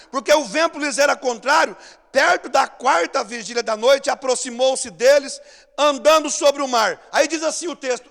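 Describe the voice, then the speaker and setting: A man with a Brazilian Portuguese accent preaching a sermon, acting out scenes, swinging between shouts and hushed asides. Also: extremely high pitch, creaky. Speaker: pastor. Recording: long church hall reverb.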